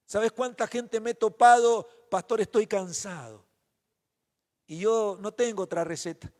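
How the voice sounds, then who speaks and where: A man's voice: sits high, moderate pace. A man preaching a sermon as pastor, asking the congregation question after question. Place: church hall. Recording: reverberant church hall.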